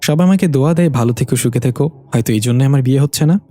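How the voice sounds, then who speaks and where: A man's voice: medium pitch, very fast, dark tone, faint music behind, natural voice. A man voicing a witty young café owner with a cheeky, joking manner.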